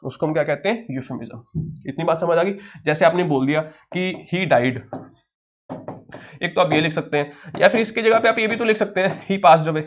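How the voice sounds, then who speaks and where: A man with an Indian accent teaches vocabulary for exam prep. His voice sits high, and he keeps asking himself questions and then answering them. The recording sounds dull and lo-fi. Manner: spells words slowly letter by letter. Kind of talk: online exam-prep lesson.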